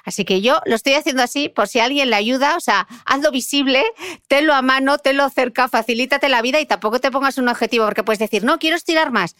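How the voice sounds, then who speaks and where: Chatty woman hosting, higher pitch. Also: fast, fairly bright tone, no echo, studio quality. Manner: chatty, personal anecdotes, tag questions "¿no?". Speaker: podcast host. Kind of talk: conversational interview.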